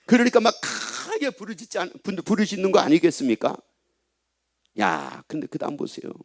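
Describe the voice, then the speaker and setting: A man's voice: high voice, sing-song, normal speed, a little mellow. A middle-aged male pastor preaching a sermon in a church, emphatic and often asking the congregation questions. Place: church sanctuary.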